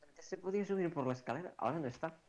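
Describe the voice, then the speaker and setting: A man's voice: on the high side, racing, a little mellow, muffled recording, slight background noise. A man grumbling and swearing casually while playing a video game with friends. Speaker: gamer. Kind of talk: casual gaming chat.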